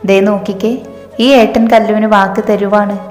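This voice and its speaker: A woman voicing a calm, protective young husband who speaks steadily and teases gently. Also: mid-range voice, normal speed, close to an everyday voice. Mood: calm firm. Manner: steady, teasing. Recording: roomy reverb, faint music.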